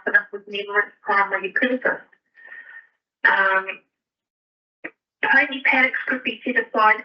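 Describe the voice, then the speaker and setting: Higher-pitched woman speaking through a speakerphone. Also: distant mic, highs cut off. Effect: heard over a phone on speakerphone. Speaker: member of the public making a submission. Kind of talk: reading a prepared statement. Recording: speakerphone heard from across a meeting room.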